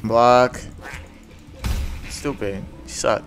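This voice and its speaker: A young man giving casual, slangy gameplay commentary in a low mumble, with faint music behind. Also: fairly even intonation, very slow. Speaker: gaming YouTuber.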